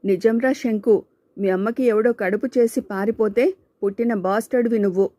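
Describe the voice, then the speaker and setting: An arrogant young male bully sneers and taunts, as a woman reads him in an audiobook. The voice stays close to her own dark, mellow tone. The sound is dry and close. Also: fairly high pitch, fairly even intonation, normal speed, no room sound, lightly acted. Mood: sneering. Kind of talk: audiobook character voice.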